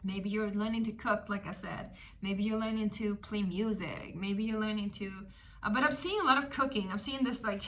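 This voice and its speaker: This tarot reader, a native Swedish speaker with the accent to match, talks through her reading in a loose, rambling way, laughing often and using lots of fillers. Her medium-pitched voice moves at a moderate pace and sounds a bit bright.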